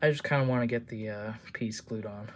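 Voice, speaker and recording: A man's voice: mid-range voice, brisk, slight background noise. A man chatting casually on a live stream while building model trains at a home workbench, rambling with lots of fillers and casual swearing.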